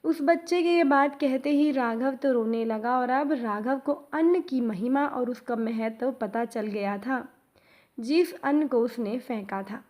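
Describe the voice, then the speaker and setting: Slow, calm woman telling a devotional story. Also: sits high. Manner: slow, calm, addresses the congregation. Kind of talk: devotional moral story narration.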